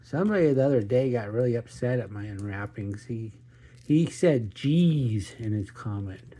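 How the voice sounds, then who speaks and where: A man's voice: fairly low pitch, expressive, moderate pace, dark tone. A man hosting his own channel, cracking puns and chatting casually while he unboxes watches. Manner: jokey, punning, chatty. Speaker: watch reviewer, channel host.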